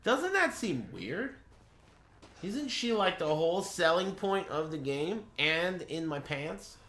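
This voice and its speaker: A man who streams games chats casually, rambling through blunt, crude, joking impressions with lots of swearing. His voice is high-pitched and fairly bright, slow-paced with big swings in pitch. The recording has a roomy echo.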